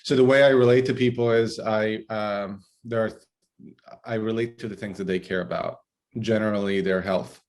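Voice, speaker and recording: A middle-aged man from Italy with an Italian accent, a podcast guest talking haltingly with many fillers and restarts. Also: fairly low pitch, fairly even intonation. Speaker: guest, climate researcher. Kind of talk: podcast interview.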